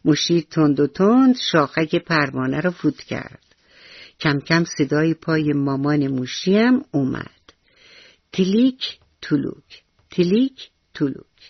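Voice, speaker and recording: A woman's voice: low-pitched, expressive, no echo. A woman storyteller telling a radio bedtime story to children in a tender, coaxing way. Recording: dull lo-fi radio recording.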